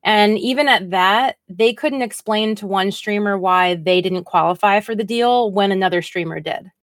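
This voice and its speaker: A woman co-hosting a casual podcast, talking in an animated, indignant way. Her voice sits at a middle pitch and comes through dry and close on the mic. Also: normal speed, no echo. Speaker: podcast co-host.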